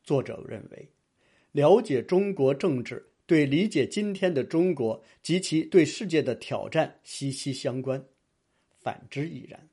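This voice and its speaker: A man reads a scripted book review aloud in a formal, even-paced way. His voice is mellow and dark. It has a slightly breathy, husky edge. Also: on the high side, unhurried. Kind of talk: scripted narration.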